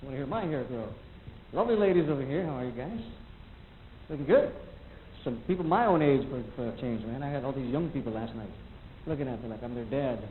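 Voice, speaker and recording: On a comedy club stage, a man does a loose, rambling stand-up set, acting out sound effects and imitating people. His mid-range voice moves at a quick pace, captured on a lo-fi VHS tape with slight background noise.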